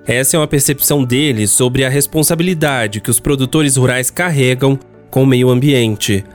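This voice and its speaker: Man, Brazilian accent, radio reporter, scripted news narration, mid-pitched, music bed. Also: moderate pace.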